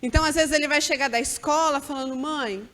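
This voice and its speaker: A woman's voice: high voice, steady tone, fast talker, fairly bright tone, in a large hall. A woman giving an earnest, direct church talk to mothers. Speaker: church speaker at a mothers' gathering.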